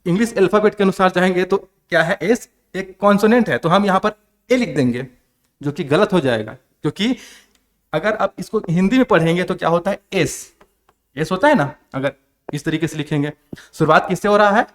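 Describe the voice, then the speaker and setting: A man with a slightly high voice and a Chhattisgarh accent, teaching a coaching-class lesson. He keeps asking the class questions and then answers each one himself, in the steady voice of a classroom lecture. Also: moderate pace. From India.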